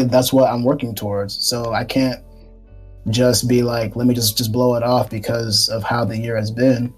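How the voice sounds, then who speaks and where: A nineteen-year-old man co-hosts a podcast, chatting casually in a halting way full of fillers and restarts. His voice is medium in pitch, a little mellow and husky, and the recording quality is low.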